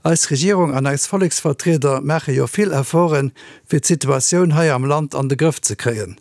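A man, a biologist reading out a personal statement in an earnest, measured way. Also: fairly high pitch, darkish tone, no echo, studio quality. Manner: earnest, measured, with non-native word order. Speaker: biologist giving an opinion.

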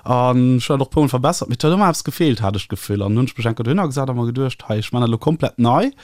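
Mann, luxemburgischer akzent, erzählt mittellage, zögert bei antworten, nah am mikro ohne hall. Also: male voice, medium pitch, fast talker, clean studio sound. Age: 30s. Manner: lively reading, hesitant when answering. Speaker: author. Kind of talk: reading from his novel and interview answers.

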